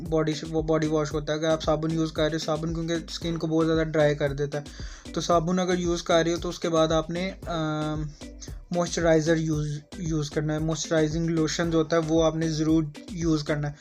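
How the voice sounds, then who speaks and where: A man's voice: fairly high pitch, monotone, fairly quick, darkish tone, faint music behind. A man with a Pakistani accent talks through everyday advice in a casual, rambling vlog. He repeats himself often and drifts into asides. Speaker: vlogger.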